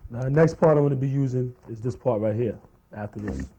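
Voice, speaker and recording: A man's voice: medium pitch, a little fast, lo-fi sound. A man demonstrating a beat-juggling routine, explaining each step casually while he works the turntables. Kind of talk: step-by-step tutorial over turntables. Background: record scratching and music.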